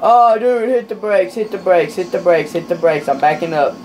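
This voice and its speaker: A man chatting casually while playing a trucking game with a friend, rowdy, swearing a lot, with loud excited outbursts. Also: high-pitched, moderate pace, a little hiss or hum, low-quality recording.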